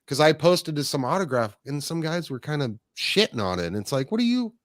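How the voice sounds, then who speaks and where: Animated man telling stories, dry sound. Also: on the high side, a little fast, no echo. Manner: animated storyteller, acts out quotes. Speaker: podcast host. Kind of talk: casual chat.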